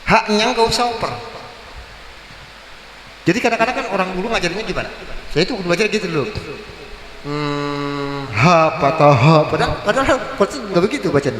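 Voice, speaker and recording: A man teaching Quran recitation rules in a mosque, breaking into slow chanted verses and quizzing his students. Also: high voice, expressive, background noise. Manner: quizzes the class. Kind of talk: tajwid lesson with chanted recitation. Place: large mosque hall. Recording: echoey mosque hall with crowd.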